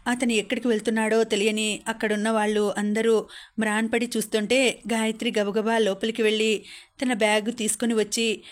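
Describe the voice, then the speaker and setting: A woman reads an audiobook novel aloud at a steady pace. Her voice sits fairly high. It barely rises or falls, so the narration sounds even and flat. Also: a little fast.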